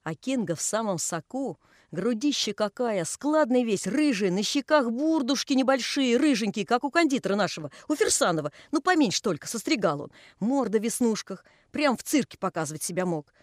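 A woman's voice: a little high, expressive, fairly quick, no room sound, clean studio sound, lightly acted. A woman voicing a pious old male carpenter who scolds and tells long folksy stories. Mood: reminiscing. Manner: folksy, chiding.

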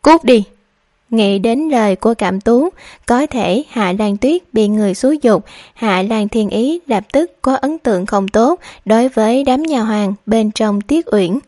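Female audiobook narrator: steady, even reading, slightly high voice. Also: a little slow, dry recording, studio quality.

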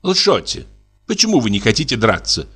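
A man's voice: mid-range voice, wildly swooping pitch, moderate pace, fairly bright tone, husky, faint music behind, exaggerated voice. A man voicing a hot-tempered young widow in indignant, wavering outbursts, as in an audiobook drama reading.

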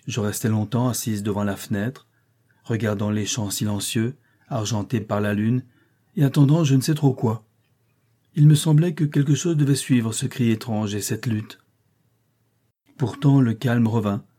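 A man reading a classic novel aloud in measured, dramatic scripted narration. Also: medium pitch, mellow. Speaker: audiobook narrator.

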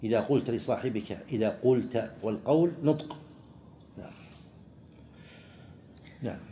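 A man teaches from a legal text, stopping and restarting his phrases as he thinks. His voice sits at an ordinary pitch. A faint hum of noise runs underneath. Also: mellow. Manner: halting, with frequent restarts and pauses. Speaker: religious teacher. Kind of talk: explaining a legal text to students.

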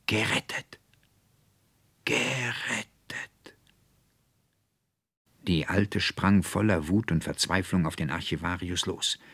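A man reading a fairy tale aloud as a measured, theatrical audiobook narrator. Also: low voice, fairly bright tone, no room sound. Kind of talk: dramatic literary reading.

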